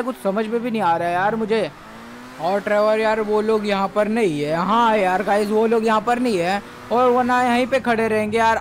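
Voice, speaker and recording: A man's voice: sits high, slight background noise, close to an everyday voice. A man voicing an anxious young man who rambles worriedly in a game role-play.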